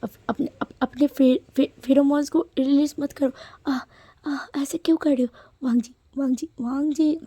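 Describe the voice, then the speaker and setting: A woman voicing a flustered young husband who protests in breathy, stammering half-whispers. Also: normal speed, mellow, no echo, lightly acted. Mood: protesting. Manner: breathy, stammering, slightly higher whispered pleas.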